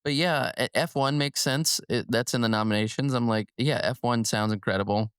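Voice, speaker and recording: A man co-hosts a casual film podcast, chatting loosely, laughing often, and restarting his sentences. His mid-range voice is fairly quick and fairly bright, with a clean tone and a dry, clean studio recording.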